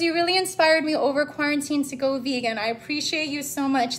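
A young woman hosting a live vegan cooking stream from her home kitchen, gushing and upbeat as she reads out viewer comments. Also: high-pitched. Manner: bubbly, gushing, upbeat, addresses viewers as "guys" and "love".

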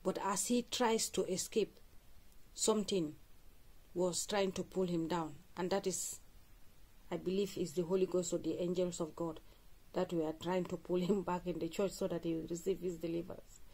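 A woman's voice: on the low side, fairly even intonation, normal speed, a little mellow, breathy edge. A woman hosting a fan channel, talking viewers through church clips and repeating what was said. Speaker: channel host commentator. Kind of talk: reaction commentary.

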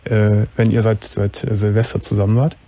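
A man hosting a late-night call-in radio show, calm and attentive, prompting the caller with short questions. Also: lowish voice, a little fast.

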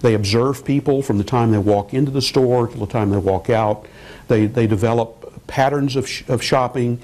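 An older man, a marketing professor, explaining calmly in a news interview in his office. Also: medium pitch, rough recording. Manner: measured, explanatory, with fillers and restarts. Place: office, indoors.

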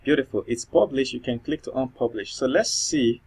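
A programming tutor whose first language isn't English records a screen-captured coding tutorial, thinking aloud in accented English with many fillers and restarts. His mid-range voice moves at normal speed, with a darkish tone and a breathy edge.

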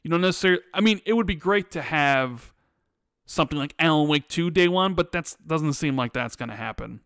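Podcast host guy reading viewer questions, slightly high voice, dry sound, relaxed. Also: a little fast, clean tone, no room sound. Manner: relaxed, thinking aloud with fillers. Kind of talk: casual podcast chat, reading super chats.

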